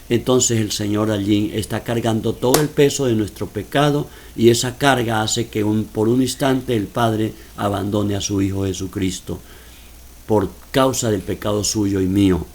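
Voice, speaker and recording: A man preaching a sermon, reading scripture slowly and explaining it to his listeners, whom he calls dear friends. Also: medium pitch, darkish tone. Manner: slow deliberate reading with emphatic rises.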